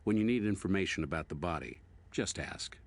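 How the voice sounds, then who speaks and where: Very deep-voiced American medical examiner. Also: male voice, animated, a little fast. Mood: matter-of-fact. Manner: matter-of-fact, instructive. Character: dry, methodical older male medical examiner. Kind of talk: scripted video game dialogue.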